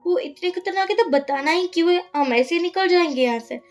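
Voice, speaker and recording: A woman's voice: very high voice, fairly quick, faint music behind. A woman voicing a bold, feisty young woman who talks in a cheeky, boastful way. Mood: brash.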